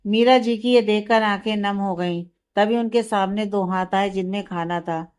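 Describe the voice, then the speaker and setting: Smooth-voiced woman narrating a story. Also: medium pitch, moderate pace, a little mellow.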